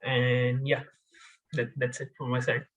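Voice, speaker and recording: A man's voice: medium pitch, monotone, a little slow, fairly bright tone, poor audio. A man in his twenties from India, a podcast guest answering questions casually, with many fillers and restarts. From India, Gujarat. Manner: hesitant, many fillers and restarts, laughs while talking. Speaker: podcast guest, software engineer.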